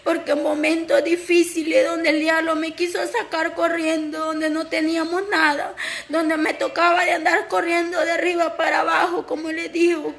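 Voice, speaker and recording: Very high, gravelly woman giving testimony. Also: little pitch movement, moderate pace, a bit bright. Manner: fervent, tearful, addresses the congregation. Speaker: pastor's wife giving testimony. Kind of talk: emotional church testimony.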